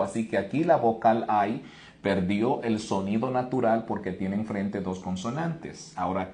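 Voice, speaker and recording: A man's voice: lowish voice, darkish tone. A man teaching English pronunciation in an online lesson, explaining each rule step by step and praising viewers by name.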